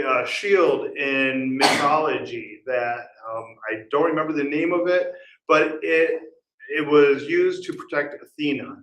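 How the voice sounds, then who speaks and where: A man's voice: medium pitch, fairly bright tone, slight background noise. A man giving a casual conference talk, quizzing the audience and laughing at himself. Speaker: conference speaker. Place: conference room. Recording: echoey hall, voice heard from a distance at times.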